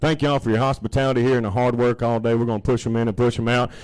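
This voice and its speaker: A man's voice: medium pitch, little pitch movement, racing, darkish tone, poor audio. A man with a Southern US accent, giving a short address as an auctioneer contestant into a close microphone. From Alabama, United States. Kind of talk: thank-you speech at a live auction. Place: indoor livestock auction arena. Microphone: stand microphone held close.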